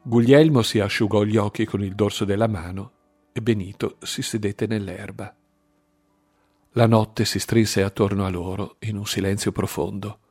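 A man reading a dark novel aloud in measured, dramatic narration. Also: fairly low pitch, steady tone, husky, soft background music. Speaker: audiobook narrator. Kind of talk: scripted narration.

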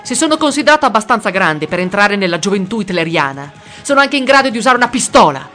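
A reader voicing a desperate teenage boy who shouts for a gun, over music. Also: mid-range voice, very animated, fast talker, voice pushed up. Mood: shouting. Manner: shouting, emotional. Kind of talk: audiobook character reading.

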